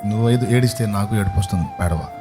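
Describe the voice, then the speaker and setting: A man's voice: fairly low pitch, fast, over music. A man preaching a sermon, telling a story and acting out its dialogue in shifting voices while asking his listeners questions.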